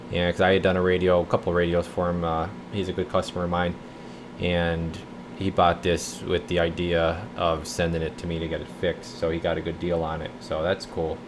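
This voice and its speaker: In his radio repair workshop, a low-voiced man presents his repair videos as a technician. He gives a casual, folksy, rambling walkthrough, thinking aloud as he goes. Background noise can be heard.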